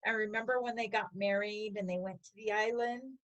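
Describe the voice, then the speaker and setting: A middle-aged woman co-hosting a podcast in casual, lively chat and laughing easily. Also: mid-range voice, brisk, rough recording. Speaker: podcast co-host.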